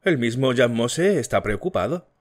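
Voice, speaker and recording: A man voicing an earnest young woman asking gentle, probing questions, in an audiobook. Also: medium pitch, animated, moderate pace, lightly acted.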